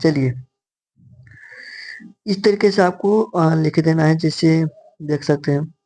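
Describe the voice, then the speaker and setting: A man's voice: fairly high pitch, mellow. A man with a sore throat teaching an exam-prep lesson, talking casually and often repeating "theek hai". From north India. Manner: casual, repeats "theek hai" and "bhai", reads verse slowly.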